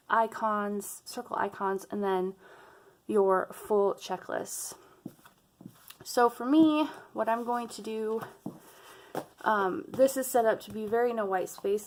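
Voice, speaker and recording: A young adult woman vlogger, out of breath, chatting casually to her viewers and laughing between sentences. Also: a little high. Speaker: planner vlogger. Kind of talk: casual chat to camera.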